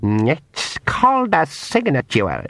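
A man voicing an old, bearded male pixie who leans on two sticks, with a cracked Scottish voice and slow, wheedling delivery. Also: a little high, wildly swooping pitch, gravelly, a bit bright, no echo, pitched above the performer's own voice, full character voice. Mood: sly. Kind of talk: audiobook character voice.

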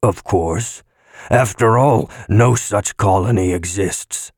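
Man voicing a pompous, slow alien blob. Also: fairly low pitch, breathy edge, dry recording, studio quality, full character voice. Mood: sly. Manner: slow, pompous intoning, wet slurred. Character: amorphous eye-eating alien blob, male, weary.

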